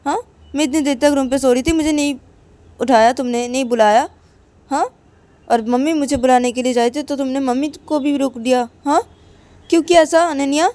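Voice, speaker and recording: A woman's voice: a little high, slow pace, vocal fry, pauses often, darkish tone, dry recording. A woman voicing Payal, a young woman complaining and pleading with her girlfriend in a storytelling video.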